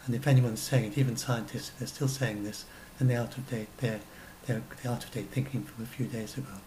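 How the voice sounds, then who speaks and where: A science blogger in his sixties talks through his notes alone at his desk in a small room at home, captured on a webcam. His medium-pitched voice is steady, brisk and mellow, rambling and often correcting itself, over a rough recording with a bit of hiss or hum.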